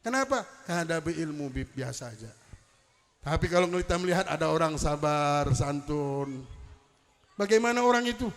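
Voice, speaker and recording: A man's voice: a little high, animated, normal speed, in a large hall. A man preaching at a religious celebration, telling stories emphatically and weaving in Arabic quotations. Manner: storytelling, emphatic rising delivery with Arabic quotations. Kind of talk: religious lecture at a public celebration. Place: large event hall.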